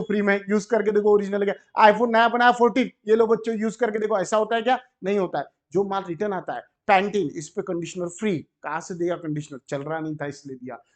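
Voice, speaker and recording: A man with an Indian accent teaching a commerce class, animated, often asking the class questions and acting out shopkeepers in short bits. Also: sits high. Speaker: commerce tutor. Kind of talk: classroom lecture.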